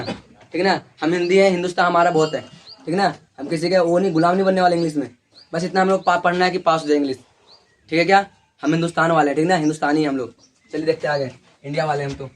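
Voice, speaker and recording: A male teacher runs a lesson at the board, talking quickly in a fairly high voice. He repeats key words and keeps checking that students follow. Faint ambient noise and birdsong sit under the classroom recording. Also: steady tone. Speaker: English teacher.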